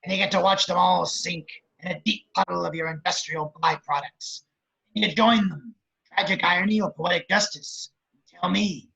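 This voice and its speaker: The Penguin, high gravelly sneering villain. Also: male voice, steady tone, sharp tone, highs cut off, heavily acted. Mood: gloating. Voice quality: gravelly, raspy. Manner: sneering, drawn-out taunts. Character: Penguin, sneering vengeful male villain, crude and theatrical. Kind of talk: amateur table read of a film script.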